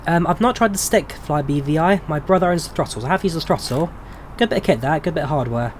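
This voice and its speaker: This flight sim streamer is an Englishman in his twenties whose voice sits a little high and who talks fast. Relaxed and chatty on his live stream, he answers questions from chat, dropping plenty of ums. A faint hiss or hum runs underneath.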